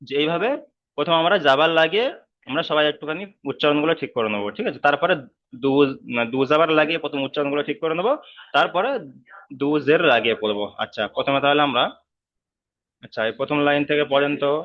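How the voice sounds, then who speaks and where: A man teaching Quran reading in an online class, patient, repeating each sound slowly over a video call. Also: a little high. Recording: slightly dull online call audio.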